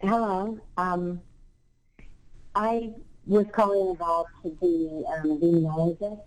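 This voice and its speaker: A woman calling in to a radio show on speakerphone, sounding distant and quiet, hesitant with filler pauses. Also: fairly low pitch, steady tone. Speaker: caller. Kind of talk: call-in radio phone chat.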